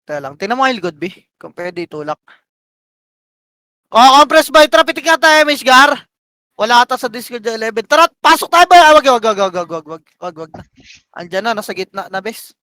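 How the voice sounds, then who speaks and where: Man, team shotcaller, high voice, dry close headset, rapid commands, swearing. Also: expressive, bright, forceful tone, clear, resonant tone, no echo. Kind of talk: live gaming voice chat.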